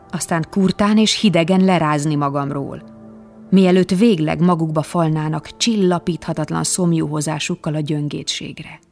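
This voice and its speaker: A literary prose reading in a deeply gravelly voice with heavy fry. The delivery is hushed and often drops into an unvoiced whisper. The pitch stays at an ordinary middle level. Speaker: reader.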